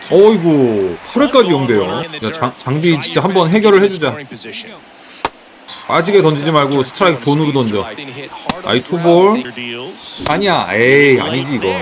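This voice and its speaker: A Korean man streaming a baseball video game, giving casual play-by-play commentary with sudden excited exclamations. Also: a little high. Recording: game music playing behind.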